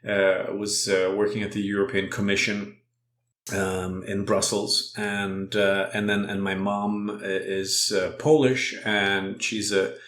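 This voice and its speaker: A man from Belgium and France, a game developer, chatting casually as a guest and rambling with many pauses and restarts. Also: lowish voice, little pitch movement, a bit bright, roomy sound. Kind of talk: casual interview chat.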